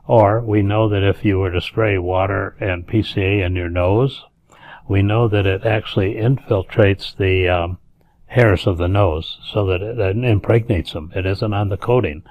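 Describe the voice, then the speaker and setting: Deep-voiced older man, measured and hedging. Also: steady tone, dull audio. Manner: measured and hedging, with many self-corrections. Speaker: interview guest, doctor and inventor. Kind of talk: explanatory interview answers.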